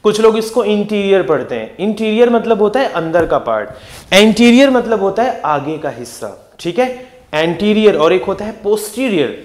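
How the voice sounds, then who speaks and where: Man, young adult, high voice, energetic exam-prep teacher, repetitive, quick questions to the class. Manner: lively, repeats words and asks quick questions to the class. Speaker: English vocabulary teacher.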